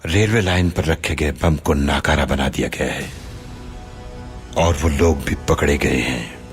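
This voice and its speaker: An actor dubbing a court official reporting to the sultan in a slow, formal way. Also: male voice, very deep voice, faint music behind.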